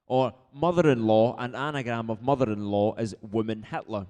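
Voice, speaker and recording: A man's voice: on the low side, normal speed, darkish tone. A man hosting a live quiz in a casual way, explaining things informally with frequent check-in tags. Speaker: quiz host.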